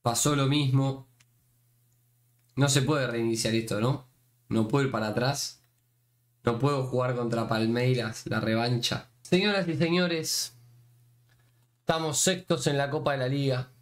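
A young man with an Argentine accent giving live gameplay commentary, excitable and slang-heavy, yelping high at each big moment and talking straight to his audience. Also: a little slow, long pauses. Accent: Argentine Spanish. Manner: excitable, yelps in high bursts at every penalty. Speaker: streamer.

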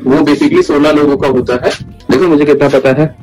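A man in his thirties vlogging casually with his family, playful and excitable, filmed on a phone. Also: on the high side, moderate pace, vocal fry, soft background music, low-quality recording. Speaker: vlogger, son.

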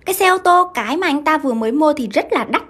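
A woman's voice: sits high, expressive, fairly bright tone. A woman English teacher from Vietnam, running a live-streamed grammar lesson and keeping her viewers engaged by asking them to confirm as she goes. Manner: brisk, keeps asking students to confirm.

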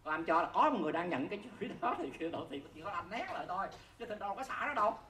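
Speaking in an animated, rapid-fire way with a mid-range voice, a Buddhist teacher delivers a casual dharma talk, laughing softly and repeatedly checking whether the audience gets the point. A crowd can be heard in the background, and the room echoes with faint noise.

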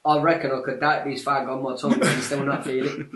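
A man's voice: mid-range voice, level tone, fairly quick, crowd noise. A young man chatting casually, swearing and boasting. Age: young adult. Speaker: chilli challenge participant. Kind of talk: casual chat. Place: small living room and kitchen indoors. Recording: very noisy indoor camera recording.

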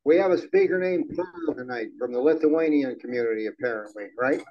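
A man's voice: mid-range voice, big pitch swings, brisk, creaky. An older man making rambling, wry club announcements at a microphone in a small meeting hall. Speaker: event host announcer. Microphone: handheld microphone on stand. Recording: dull lo-fi sound.

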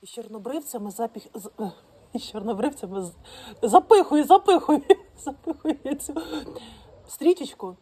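A woman with a fairly high voice chats casually to her audience, bursting into excited exclamations as she goes. She talks outdoors at home, with faint ambient sound behind her. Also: a little fast, a little hiss or hum. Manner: gushing, exclamatory, talks straight to viewers. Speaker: vlogger arranging flowers. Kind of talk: casual how-to chat. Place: outdoors at home, birds nearby.

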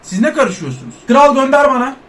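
High-voiced excitable gamer man. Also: fairly quick. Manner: loud, excitable, trash-talks and curses at teammates; jokes as an overweight footballer in first person. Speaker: gaming YouTuber. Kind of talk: excited live gameplay commentary.

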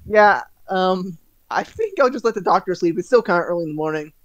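A man's voice: high-pitched, lively intonation, fairly quick, a bit bright, no echo, highs cut off. A man playing in a tabletop game, hesitant and chuckling as he talks, often restarting his sentences. The recording is dry, with no room sound around him. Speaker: player. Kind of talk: in-character tabletop play.

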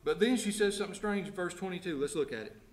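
A man delivering a sermon in a church sanctuary, his fairly high voice ringing off the walls of a reverberant room. He reads scripture at a slow, measured pace, then retells it in plain everyday words and puts direct questions to the congregation. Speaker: pastor.

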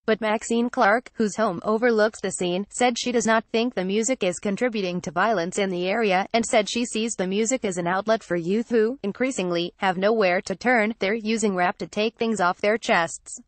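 A woman reading a news article aloud as scripted narration, in an even, flat delivery. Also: mid-range voice, moderate pace, few pauses, no room sound. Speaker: news reader.

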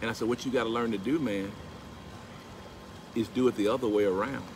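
With a medium-pitched voice and a slightly fast pace, a middle-aged man tells a story outdoors beside a house's pool, filming on his phone at arm's length. The casual vlog turns to animated, emphatic preaching as he quotes scripture. Steady background noise is audible in this outdoor recording.

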